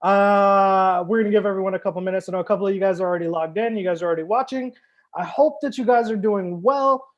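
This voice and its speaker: A man's voice: sits high, steady tone, fast, muffled recording. A man hosting a live-streamed wine tasting as a sommelier, talking casually and upbeat with frequent fillers. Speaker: sommelier and show host.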